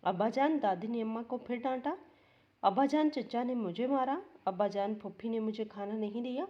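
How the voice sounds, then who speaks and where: A woman's voice: on the high side, moderate pace, lo-fi sound, close to an everyday voice. A woman voicing an innocent, sad little boy who makes simple, plaintive complaints in a spoken story. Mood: pleading.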